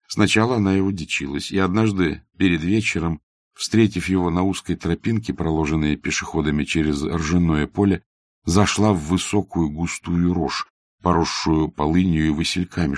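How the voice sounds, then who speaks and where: A man narrating a classic novel as an audiobook in a measured, even reading. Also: low voice, vocal fry, no room sound, studio quality. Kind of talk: scripted literary narration.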